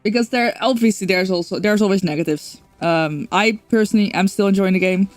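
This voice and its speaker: Streaming a game, a woman with a Dutch accent chats away loosely, filling her talk with plenty of fillers. She speaks briskly at medium pitch, with no echo and faint music in the background.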